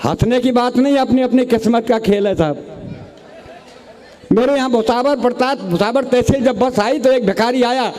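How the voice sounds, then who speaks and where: High-voiced comic poet. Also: male voice, moderate pace, darkish tone. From Rajasthan. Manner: storytelling with quoted dialogue, addresses audience as bhai sahab. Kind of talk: humorous poem recital on stage.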